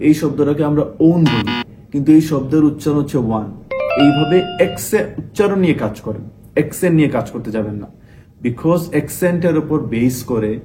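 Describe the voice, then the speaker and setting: A man's voice: mid-range voice, warm tone. A young man teaching IELTS speaking tips, explaining in Bengali mixed with English and repeating key points. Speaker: IELTS tutor. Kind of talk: tips video lesson.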